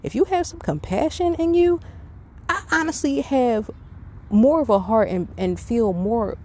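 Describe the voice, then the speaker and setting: A middle-aged woman hosting a podcast speaks with a fairly high, animated, dark-toned voice at a measured pace. She muses casually in a monologue, earnest, conversational, and emphatic.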